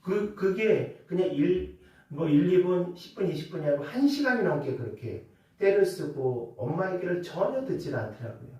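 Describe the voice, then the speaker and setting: A man in the pulpit delivers a Sunday sermon, pressing his congregation with rhetorical questions and then easing back into calm teaching. His voice sits a little high for a man. The sound comes from some distance in a hall that rings with heavy echo. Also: normal speed, lo-fi sound. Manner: preaching with rhetorical questions and swelling emphasis. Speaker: pastor. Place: church sanctuary. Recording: very echoey church hall, mic at a distance.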